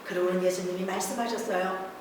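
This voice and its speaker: A woman's voice: medium pitch, fairly even intonation, fast, slight background noise. A woman preaching a Bible story to children at a church service, acting out the disciples' cries in a raised voice. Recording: echoey distant church room recording.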